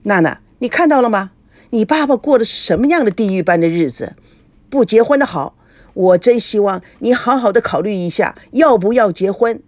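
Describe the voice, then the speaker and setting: A woman's voice: medium pitch, animated, normal speed, a little mellow, no room sound, voice pushed up, lightly acted. A woman voicing a bitter middle-aged mother in a novel reading, reproachful and pleading.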